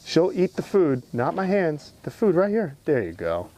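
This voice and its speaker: A man's voice: a little high, very animated, normal speed, warm tone. A man presenting an educational animal tour outdoors in a casual, emphatic, admiring way, as an enthusiastic host and keeper. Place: outdoors among animal enclosures.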